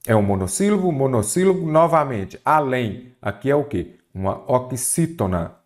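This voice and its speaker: Lively Brazilian Portuguese teacher, man. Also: mid-range voice, moderate pace. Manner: lively, rhetorical questions to students. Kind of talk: exam-prep grammar lesson.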